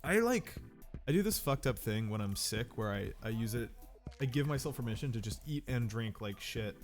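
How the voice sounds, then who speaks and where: A man's voice: medium pitch, animated, moderate pace, faint music behind. Nasal, sick man chatting casually. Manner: rambling, self-deprecating, loose and profane. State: sick with a cold. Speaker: game streamer. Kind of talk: casual livestream chat.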